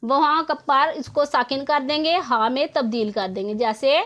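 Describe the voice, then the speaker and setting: A woman's voice: sits high, moderate pace, a bit bright. A woman teaching Quran recitation rules in an online tutorial, explaining patiently step by step and repeating each rule.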